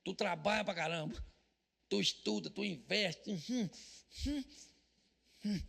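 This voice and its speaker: A man with a Brazilian Portuguese accent, a pastor giving a comedic sermon at a business event, joking loudly and mimicking people praying. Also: sits high, slow pace, creaky, slightly rough, in a large hall.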